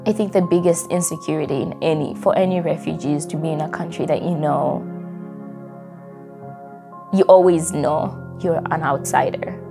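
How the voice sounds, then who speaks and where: A woman's voice: low voice, fairly even intonation, moderate pace, gravelly. A young woman from Congo telling a personal story in an interview, reflective and loose, with many fillers. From Democratic Republic of Congo. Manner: reflective, with frequent fillers and soft laughs. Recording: music playing underneath.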